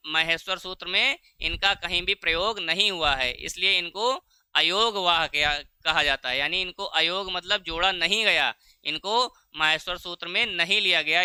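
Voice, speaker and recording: A man teaching a video lesson for an exam, explaining step by step and asking the class questions that he answers himself, drawing out key sounds slowly to show how they are said. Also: high voice, sharp tone, clear, resonant tone, no echo, clean studio sound. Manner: drags out key sounds slowly when showing pronunciation. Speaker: Sanskrit teacher.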